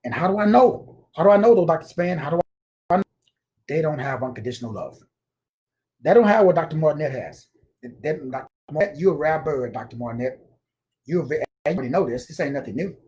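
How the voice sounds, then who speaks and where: A man's voice: fairly high pitch, animated, fast talker, darkish tone. A man giving an informal spiritual lecture, slangy and emphatic, repeating words for stress. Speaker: spiritual teacher.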